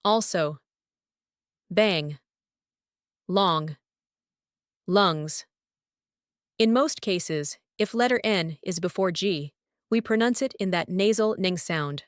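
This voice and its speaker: Slow, deliberate Lithuanian-accented woman teacher. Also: mid-range voice, dry recording, clean studio sound. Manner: slow, deliberate, says each word several times. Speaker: English pronunciation teacher. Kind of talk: pronunciation lesson, repeating example words.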